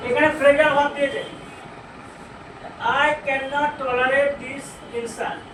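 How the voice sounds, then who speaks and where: A man with a Bengali accent teaching an English grammar lesson. He asks the class questions, answers them himself, and reads English sentences out slowly. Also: very high-pitched, little pitch movement. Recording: echoey room, far from mic, noisy.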